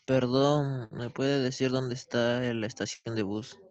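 A male student slowly practicing English phrases in an online class. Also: medium pitch, fairly even intonation, darkish tone, no echo, highs cut off. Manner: slow, careful pronunciation practice.

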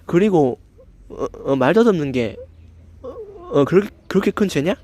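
Young guy with a stammer going off at a hater, kinda high voice, super dry close mic. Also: animated, moderate pace, warm tone, dry recording. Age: young adult. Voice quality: stammers, slightly slurred pronunciation. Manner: confrontational, swearing, constant filler "eo". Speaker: channel host. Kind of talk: angry rant at a commenter.

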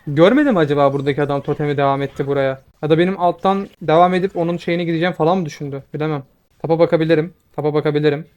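A young man giving quick, excitable commentary over his own gameplay, swearing when frustrated. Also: on the high side, highs cut off. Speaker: gaming video creator.

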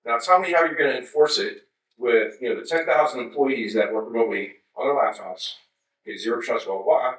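A man in his fifties gives a keynote from a podium in a large, dark conference hall, talking in a loose, wry way with asides to the crowd. His voice is bright and forceful. The sound is roomy and picked up from some distance. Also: mid-range voice, fairly quick. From United States. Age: 50s. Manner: conversational and wry, with asides to the audience. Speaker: keynote speaker.

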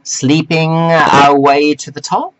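A man delivering a slow, preachy, scolding monologue to men, reading from notes with sudden jumps in pitch. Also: fairly even intonation, noisy background. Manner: reads from notes. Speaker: self-styled life coach addressing men. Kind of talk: lecturing monologue to camera.

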